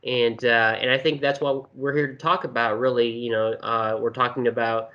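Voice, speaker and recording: A man's voice: mid-range voice, little pitch movement, moderate pace, dull audio. Hesitant man from China explaining. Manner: hesitant, many fillers and restarts. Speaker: interview guest. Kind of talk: casual explanatory interview talk.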